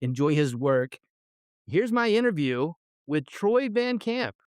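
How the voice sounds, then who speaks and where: A man hosting a sports podcast, talking excitedly in a rambling, self-interrupting way and laughing often. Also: fairly high pitch, takes it slowly, dry recording. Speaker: podcast host. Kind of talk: excited casual sports talk.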